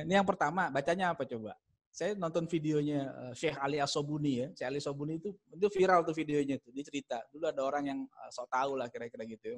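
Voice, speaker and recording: Man, online grammar lecture, slightly high voice, explanatory, emphatic on key points, video call audio. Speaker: Islamic studies lecturer.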